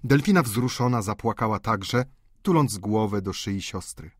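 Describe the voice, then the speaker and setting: A man narrating a classic novel as an audiobook in a slow, solemn, lowered delivery. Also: animated, husky, dry recording, studio quality. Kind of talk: scripted literary narration.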